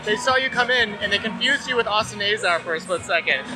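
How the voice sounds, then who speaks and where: Guy hosting a podcast, high voice, jokes around a lot, music behind. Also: expressive, fast, poor audio. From Northeast US. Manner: jokey, laughs often. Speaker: podcast host. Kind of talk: casual interviews.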